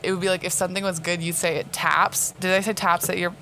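Young woman cohosting a podcast, bright voice, giggly and chatty, faint hiss behind. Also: fairly low pitch, little pitch movement, very fast. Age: young adult. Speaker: podcast co-host. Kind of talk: casual chat.

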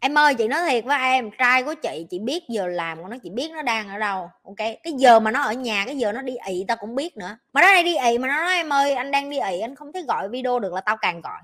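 Southern Vietnamese woman, rapid-fire delivery, blunt profane scolding, life coach podcast rant. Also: fairly high pitch, animated, a bit bright. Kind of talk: ranting advice monologue.

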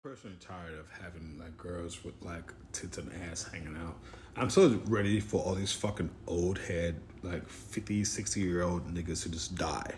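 A man in his late thirties rants on his podcast with blunt, aggressive conviction, swearing at every turn. His voice sits fairly low, and a faint hum of ambience lingers behind him. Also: moderate pace, a little mellow. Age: 30s. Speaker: podcast host. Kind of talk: profane monologue rant.

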